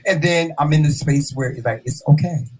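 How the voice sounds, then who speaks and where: A man in his fifties hosting a casual interview, animated and playful, calling his guest "child" and "honey". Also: fairly high pitch, brisk, husky, poor audio. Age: 50s. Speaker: host.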